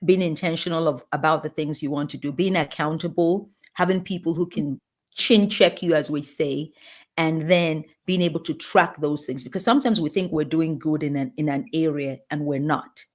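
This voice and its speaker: A woman with a somewhat low voice answers interview questions earnestly. She talks with emphasis and often restarts her phrases mid-thought. She sounds like a guest sharing her experience. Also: fairly even intonation, normal speed. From Nigeria. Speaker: guest pediatrician and leadership coach.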